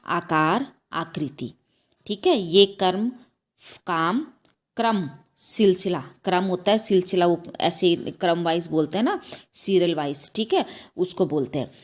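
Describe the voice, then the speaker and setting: This woman is a school teacher giving a slow explanatory lesson, patient and prone to correcting herself. She puts questions to the children and repeatedly asks "ठीक है?" with a rising pitch.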